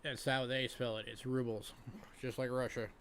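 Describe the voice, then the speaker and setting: A man's voice: medium pitch, little pitch movement, moderate pace, a bit bright, a little hiss or hum. A man hosting a casual live-stream auction, chatty and joking as he sells items one by one. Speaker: online auction host.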